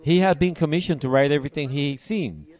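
A man from Puerto Rico preaching a sermon, reading passages aloud and explaining them in short, deliberate phrases. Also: on the high side, darkish tone. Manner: measured, emphatic, pauses between short phrases. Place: church service.

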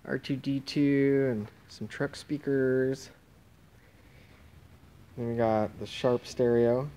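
Steady and mellow, a mid-range male voice takes its time narrating a casual walkthrough. Phone camera in hand, the man moves through an indoor warehouse and tent, listing auction items offhandedly and trailing off mid-phrase.

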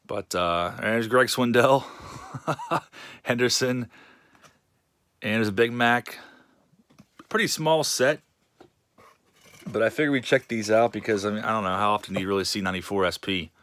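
A man casually narrating a show-and-tell of his card collection, relaxed and rambling with many fillers. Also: on the low side, moderate pace, pauses often, no echo.

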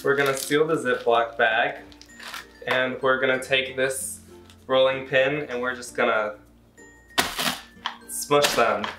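Taking it slowly with long pauses, a young American man in his home kitchen walks viewers through a recipe in a steady, mid-range voice, adding playful digs at himself. Music runs beneath, and the distant camera mic leaves a roomy kitchen echo.

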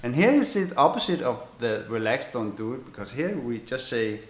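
A man giving a bass lesson, explaining in a halting way with many fillers and restarts and counting beats aloud. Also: big pitch swings, over loud music. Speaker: bass teacher. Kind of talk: instrument lesson demonstration. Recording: roomy echo with loud bass playing.

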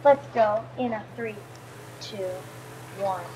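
This is a slow-paced, mid-range female voice, rough with morning scratchiness and weariness. As a gaming host, she talks casually through a racing session, thinking aloud and counting down each launch, with loud engine sounds from the game filling the background.

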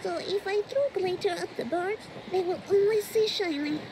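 A woman's voice: extremely high pitch, normal speed. A woman voicing a naive, accident-prone little girl in a video game, with an earnest, innocent, childlike delivery. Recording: noisy background, game ambience.

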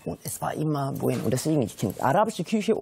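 Middle-aged woman from Sudan, TV guest cook, lively pitch, chatty, restarts her sentences. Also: fast, gravelly, a little hiss or hum. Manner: chatty, breaks off mid-sentence, mixes in foreign words. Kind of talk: casual chat while cooking on TV. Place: TV studio kitchen.

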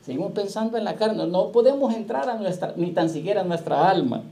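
Male pastor, warm mellow tone, fiery preaching full of rhetorical questions. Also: sits high, animated, gravelly, a little hiss or hum. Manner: fiery preaching with rhetorical questions, slow drawn-out scripture quotes. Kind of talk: sermon.

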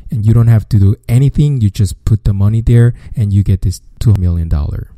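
Low, mellow-voiced man explaining finance. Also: a little fast, no echo, studio quality. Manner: steady, methodical explaining with simple repeated phrasing. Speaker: podcast host. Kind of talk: explanatory podcast lecture.

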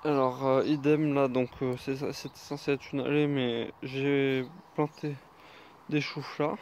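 A man with a mid-pitched voice shows viewers around his vegetable garden in a loose, relaxed ramble. He pauses often and fills the gaps with hesitations as he goes from bed to bed. Faint outdoor noise, birds and insects sit behind his voice. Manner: unhurried, hesitant, many fillers. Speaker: home gardener giving a garden tour. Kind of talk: casual spoken garden tour.

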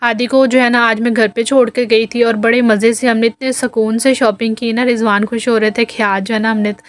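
A woman's voice: on the high side, flat delivery, a little fast. A woman in her thirties with a Pakistani accent, chatting casually through a home vlog voice-over and explaining each step with lots of fillers. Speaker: home vlogger.

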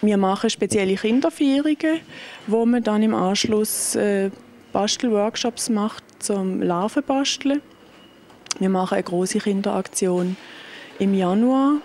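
A woman's voice: mid-range voice, a little slow, a little mellow, slight background noise. Woman explaining an exhibition plan. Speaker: cultural scientist. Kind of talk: interview statement. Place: indoor museum exhibition room. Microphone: handheld microphone.

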